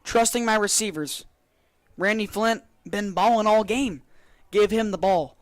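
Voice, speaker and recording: A man's voice: sits high, measured pace, no room sound, clean studio sound. A man working as a color commentator on live football, enthusiastic and emphatic, repeating his phrases for punch.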